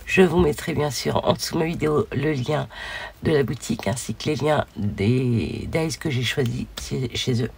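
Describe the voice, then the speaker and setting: A hoarse woman hosting a casual crafting video, chatting along with many fillers as she shows her pieces. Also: a bass voice, normal speed, darkish tone.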